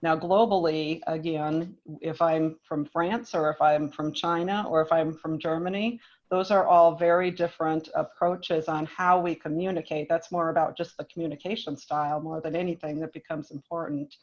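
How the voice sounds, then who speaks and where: A woman from Minnesota, a business leader speaking on a panel in a measured, thoughtful way with frequent restarts. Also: low-pitched, fairly even intonation, muffled recording. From Minnesota, United States. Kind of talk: panel discussion.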